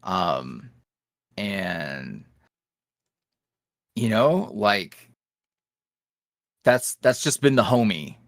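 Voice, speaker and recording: A creator of ASMR roleplays appears as a podcast guest, chatting loosely and animatedly in a casual interview, trailing off, restarting and laughing between thoughts. His fairly low voice moves very slowly with frequent pauses, and the clean studio sound has no echo.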